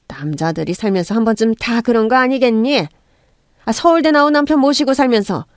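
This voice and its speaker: A woman's voice: high-pitched, no room sound, studio quality. A woman voicing a haughty middle-aged mother-in-law who scolds and curses her son's wife. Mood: condescending. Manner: contemptuous, scolding, cursing.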